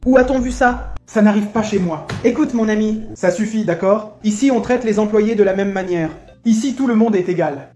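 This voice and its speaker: A man's voice: sits high, normal speed, soft background music, close to an everyday voice. An actor playing a grumpy, bossy old father who lectures everyone and never stops complaining. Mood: lecturing. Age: older. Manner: overbearing, lecturing, loud complaints. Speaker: visiting father.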